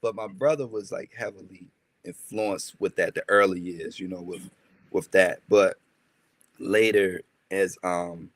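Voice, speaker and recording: A young rapper from Maryland, USA, with a deep, unhurried voice, tells stories in a casual interview. He rambles, animated, through tangents and plenty of fillers.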